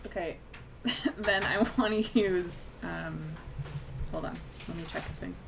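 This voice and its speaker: A woman's voice: lowish voice, a little slow, vocal fry, background noise. A woman playing a tabletop game, joking and a bit hesitant as she decides her moves. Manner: playful, hesitant, jokey. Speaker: player. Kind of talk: casual tabletop play.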